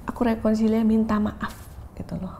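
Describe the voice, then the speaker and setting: A woman's voice: a little high, level tone, brisk, mellow, slight background noise. Candid woman sharing her story. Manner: open, reflective, switches into English phrases. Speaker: pastor and interview guest. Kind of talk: candid interview testimony.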